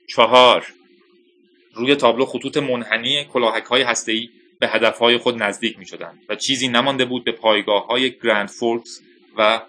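A male narrator reads a thriller in an even, dramatic storytelling manner. His voice is bright and forceful, at a middle pitch. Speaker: audiobook narrator. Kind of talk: scripted narration.

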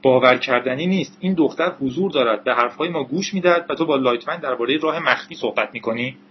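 A man's voice: mid-range voice, animated, dull audio, a little hiss or hum, lightly acted. A man voicing a brash, suspicious young male computer whiz who makes blunt, scornful remarks, in an audiobook reading. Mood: indignant.

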